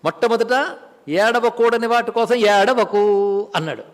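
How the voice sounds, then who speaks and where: A man with a Telugu accent giving a religious discourse on scripture, telling stories and chanting verses slowly. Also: very high voice, long reverb tail. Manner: storytelling, chanting verses in a slow measured tone. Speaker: spiritual lecturer.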